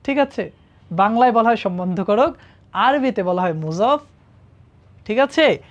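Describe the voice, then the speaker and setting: A woman's voice: mid-range voice, expressive, measured pace, lo-fi sound. A woman teaching Arabic grammar to students in a classroom-style lesson, patiently asking them questions and checking that they follow. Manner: patient, asks the class questions and often checks with "ঠিক আছে?".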